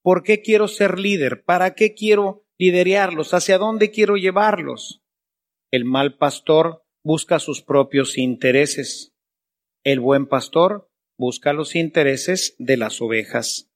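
Male priest, sermon, rhetorical questions, slightly high voice. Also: slow pace.

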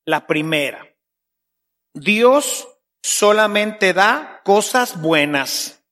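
A man's voice: high voice, animated, drawn-out words, sharp tone. A man preaching a sermon, acting out playful prayers in shifting voices.

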